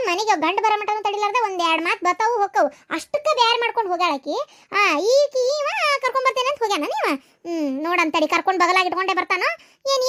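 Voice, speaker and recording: Woman doing a cartoon mother-in-law, north karnataka accent, squeaky high voice, fast and nagging. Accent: North Karnataka Kannada. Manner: scolding, cursing, sharp. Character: scolding short-tempered village mother-in-law, older woman. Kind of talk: cartoon voice acting.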